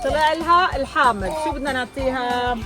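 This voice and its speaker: A mother with a Levantine Arabic accent hosting a family challenge, chatting casually and excitedly with children and switching into English. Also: sits high, fairly quick. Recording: background music.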